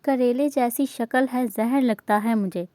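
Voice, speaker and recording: A woman's voice: a little high, a little slow, mellow, no echo, close to an everyday voice. A woman reading aloud voices a nervous young woman who pleads and grumbles. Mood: annoyed. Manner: pleading, flustered.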